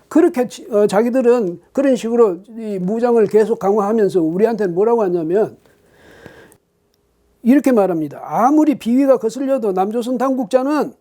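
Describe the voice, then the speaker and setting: A man's voice: high voice, dark tone. A man hosting his own political commentary show, talking alone with emphatic rhetorical questions and frequent hesitant fillers.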